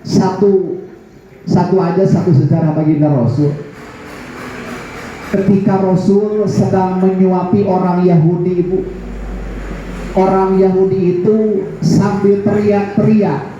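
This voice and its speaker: A man's voice: high-pitched, flat delivery, takes it slowly, long pauses, mellow. A man with a Sundanese accent preaching a sermon to a women's gathering, telling stories and acting out the voices in them. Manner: storytelling, acts out quoted voices, jokes with audience. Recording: very echoey hall, dull lo-fi sound, faint noise.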